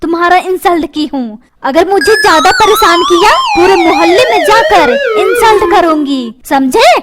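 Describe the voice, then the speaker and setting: A sharp-tongued, quarrelsome cartoon wife and mother, voiced by a woman. She scolds in a very high, lively voice. Clear noise runs behind her. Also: moderate pace. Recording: noisy background.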